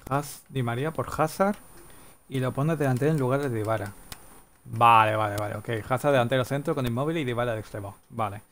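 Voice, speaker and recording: In a low-quality recording with a bit of hiss or hum, a man with a fairly bright mid-range voice commentates a football video game live. Player names pour out quickly, punctuated by long, stretched-out goal cries.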